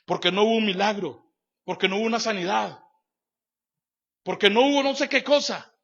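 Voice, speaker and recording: Male pastor, sermon delivery: emphatic, repetitive, swinging loud to soft, talks straight to the flock; high bright timbre, muffled lo-fi church recording. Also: moderate pace, creaky. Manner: emphatic preaching with repeated phrases and sudden swings between loud and soft; addresses the congregation directly with rhetorical questions.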